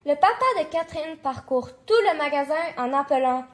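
A woman reading a children's bedtime story aloud. Her voice sits very high, and her reading is clear and lively. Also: brisk. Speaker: storybook reader.

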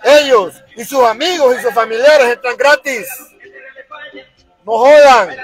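A man's voice: very high voice, normal speed, fairly bright tone, slightly rough, faint music behind, poor audio. A man with a Honduran accent ranting as a football fan vlogger, fired-up and crude, repeating himself. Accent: Honduran Spanish. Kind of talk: angry fan rant to camera.

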